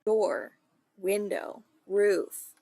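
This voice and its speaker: A woman streaming a co-working session, thinking aloud in casual self-deprecating chat with soft muttered asides. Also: mid-range voice, steady tone, extremely slow, creaky, dry recording.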